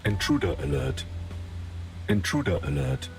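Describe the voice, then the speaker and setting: A man voicing a malfunctioning old computer security system that repeats flat machine announcements. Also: extremely low pitch, unhurried, music in the background, exaggerated voice. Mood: guarding.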